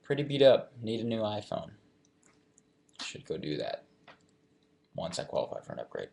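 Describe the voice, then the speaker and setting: A man's voice: fairly low pitch, huge pitch swings, normal speed, gravelly, darkish tone, a little hiss or hum. A young man in his twenties answering fan questions in a casual live chat, reading each question aloud and then thinking it through.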